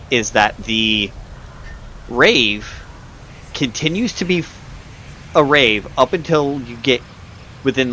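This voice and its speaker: A man running a tabletop game as game master, improvising narration and pausing to search for words. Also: medium pitch, bright, forceful tone. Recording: clear background noise.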